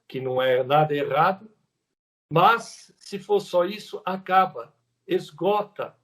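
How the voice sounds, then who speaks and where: A man with a Brazilian Portuguese accent giving a spiritual lecture at a spiritist center, talking conversationally and repeating words for emphasis. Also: high voice.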